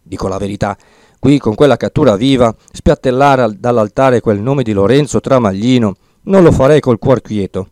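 A man's voice: mid-range voice, normal speed, dry recording, studio quality, close to an everyday voice. A man voicing a timid, fussy old village priest who rambles and frets in an audiobook reading. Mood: cautious, evasive. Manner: fretful, rambling, excitable.

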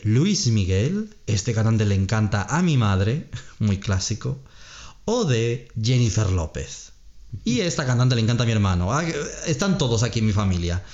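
Slow, patient Spanish quiz host, man. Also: on the low side, darkish tone, highs cut off. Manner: reads options slowly, explains grammar patiently, laughs often. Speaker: podcast co-host running a quiz. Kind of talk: slow, clear Spanish-lesson quiz chat.

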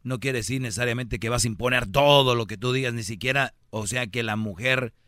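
Guy hosting a call-in advice show, mid-pitched and punchy, really blunt, dry studio-like sound. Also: a little fast, bright, forceful tone, no echo. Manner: blunt, emphatic, opinionated. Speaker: radio show host.

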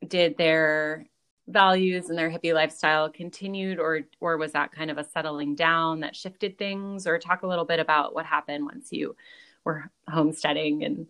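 A woman with a very low, smooth voice hosts a relaxed interview. She asks thoughtful follow-up questions, pausing to find her words. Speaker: podcast host.

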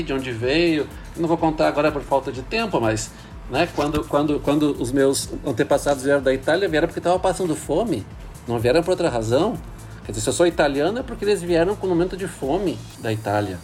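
A priest talks things through in a slow, reflective way, often pausing on small fillers. His voice sits a touch higher than most men's, and faint music plays softly behind him. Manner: thoughtful, hesitant with many fillers. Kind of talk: casual reflective talk.

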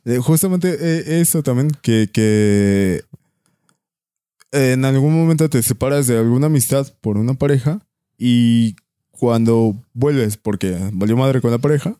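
A man's voice: medium pitch, unhurried, mellow, clear, resonant tone, no room sound, clean studio sound. A young man with a Mexican accent chatting casually, rambling and joking in slang. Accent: Mexican Spanish. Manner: rambling, slangy and jokey, with many restarts. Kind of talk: casual chat.

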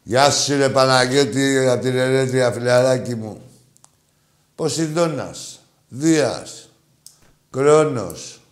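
A man hosting a call-in show, joking crudely with callers, swinging between loud mocking outbursts and low mutters. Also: long pauses. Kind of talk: crude casual call-in banter.

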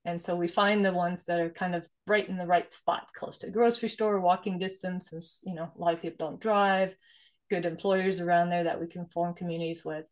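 A woman in her forties, originally from Sweden, speaks in a somewhat low voice. She explains things earnestly and conversationally, often tagging her points with "right?". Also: fairly even intonation, fairly quick. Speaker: guest, investor and nonprofit founder. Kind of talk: conversational interview.

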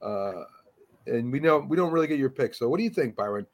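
A man hosting a casual sports talk show, speaking in a halting, conversational way and steering the talk. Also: medium pitch, expressive. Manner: conversational, halting, leads the talk and hands it to others.

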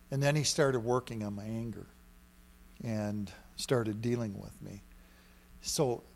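A middle-aged male pastor delivering a sermon in an animated, storytelling way. He punches key words loudly, then drops into quiet, confiding asides. His voice sits at an ordinary pitch.

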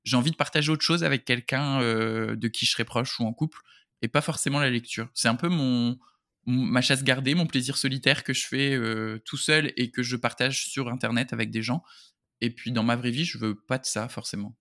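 A man's voice: mid-range voice, a little fast, sharp tone. A man in a casual podcast chat, speaking informally with slang and a joking way. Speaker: podcast guest, book YouTuber.

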